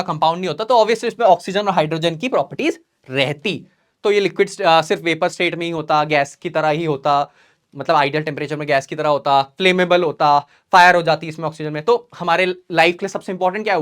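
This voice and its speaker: A man's voice: high-pitched, fairly bright tone. A young man teaching a revision lesson, asking rhetorical questions and checking in often with his students. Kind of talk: exam revision lesson mixing Hindi and English.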